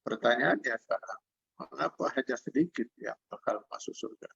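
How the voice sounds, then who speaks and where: Over dull, lo-fi video call sound, an older Islamic preacher with an Indonesian accent recites Arabic verses and then unpacks their meaning. He speaks at a moderate pace with expressive delivery, in a medium-pitched voice that is creaky, husky and a bit bright.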